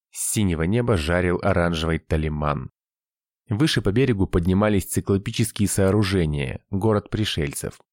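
A man narrating a science-fiction audiobook in an even, measured way. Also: low voice, dry recording, clean studio sound.

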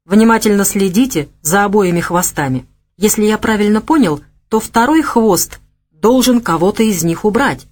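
A woman's voice: mid-range voice, expressive, moderate pace, darkish tone, close to an everyday voice. A woman reading the lines of a curt, commanding male gang boss giving orders over a radio.

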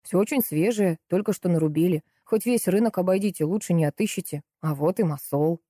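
A woman's voice: lowish voice, brisk, mellow, dry recording, studio quality, close to an everyday voice. A woman voicing a rude, hot-tempered young male butcher who talks bluntly in slang and threatens. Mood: boastful.

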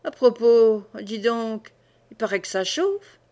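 With an animated, warm tone, a woman takes on the role of a drunk old peasant man who brags, blusters oaths and hiccups. She makes the character a little lower and slower than her own voice.

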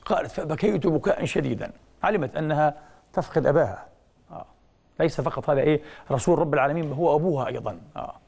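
Fast-talking emotive male preacher. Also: fairly high pitch, gravelly. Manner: emotive storytelling with sudden rises and hushed drops; rhetorical questions he answers himself. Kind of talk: religious lecture.

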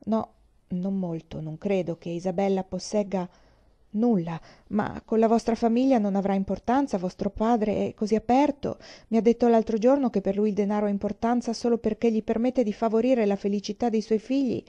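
A woman's voice: medium pitch, a little fast, dark tone, highs cut off, natural voice. A woman reading an audiobook voices a distressed, earnest young woman who speaks in a pleading, agitated way.

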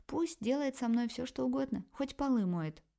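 A woman's voice: sits high, animated, moderate pace, gravelly, mellow, pitched above the performer's own voice. A woman doing a brazen sultry inner wanton.

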